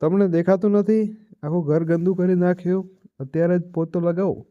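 A man's voice: a little high, normal speed, phone-quality sound, close to an everyday voice. A man voicing a harsh young daughter-in-law who scolds sharply, in a storybook reading. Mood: scolding.

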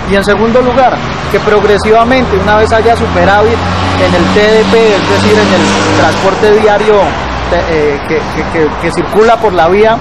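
A man's voice: sits high, moderate pace. A man in his thirties with a Colombian accent, a civic leader giving an earnest, persuasive interview outdoors by a building. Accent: Colombian Spanish. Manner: earnest, persuasive, with some repeated filler words. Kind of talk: on-camera interview statement. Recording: loud outdoor traffic noise behind.

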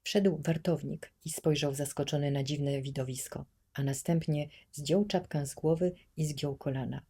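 A woman narrating an audiobook in a steady, measured storytelling manner. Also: deep voice, husky. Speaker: audiobook reader.

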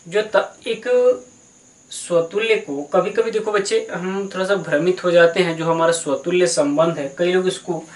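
A man teaching a math lesson in a patient, explanatory way, calling his students "beta" and mixing English terms into his talk. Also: sits high. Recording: echoey room.

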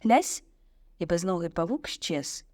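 A woman narrating an audiobook in a vivid, expressive storytelling manner on a close studio mic. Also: lowish voice, normal speed, no room sound.

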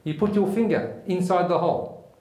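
A man putting on a South African accent to play a gruff male army sergeant drilling troops, barking commands. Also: high voice, moderate pace, darkish tone, echoey room, natural voice, poor audio. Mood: commanding. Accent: South African (put on).

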